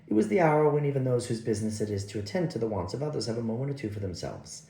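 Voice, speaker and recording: A man narrating an audiobook in an unhurried, expressive reading style. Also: medium pitch, creaky. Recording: echoey room.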